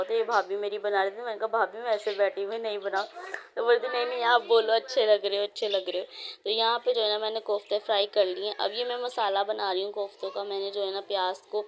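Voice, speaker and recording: A woman vlogger narrating a casual cooking voice-over, chatty and rambling with many fillers. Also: medium pitch. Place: indoors, recorded as voice-over.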